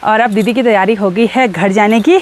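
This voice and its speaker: A woman's voice: medium pitch, normal speed. A young woman from Uttarakhand, chatting cheerfully as she vlogs outdoors around her hill village on a phone camera. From Uttarakhand, India. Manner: chatty and cheerful, teasing with neighbours. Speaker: vlogger. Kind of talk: casual vlog narration and chat.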